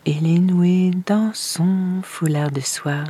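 A woman reading a storybook and voicing a magical bird that sings its lines in a slow, chanted singsong. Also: fairly low pitch, mellow, dry recording. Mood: chanting. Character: haunting magical bird, singing slowly.

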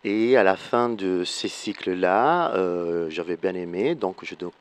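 A man from Florence in his forties, a native Italian speaker with an Italian accent, talks as a guest in a radio interview. His voice sits somewhat low. He speaks thoughtfully, often restarting as he searches for the right French word. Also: a little slow. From Italy, Florence. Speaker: guest choreographer and dancer.

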